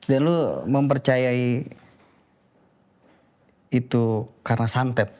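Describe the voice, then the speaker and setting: A man's voice: mid-range voice, level tone, takes it slowly, a little mellow. A man hosting a casual interview, prompting his guest with short questions and reactions. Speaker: podcast host.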